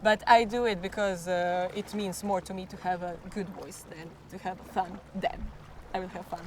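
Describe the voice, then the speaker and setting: Answering interview questions, a Croatian teenage klapa singer speaks hesitant English with a Croatian accent, stopping to hunt for words and occasionally switching to her native tongue. Her voice is mid-pitched, a touch hoarse, and fairly even in intonation, over a faint hiss of noise.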